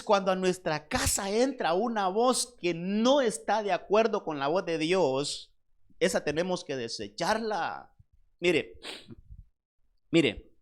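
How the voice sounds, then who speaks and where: A man preaching a sermon as pastor, emphatic, repeating words and often calling the listeners "brother". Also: high-pitched. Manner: emphatic, slows down on key points.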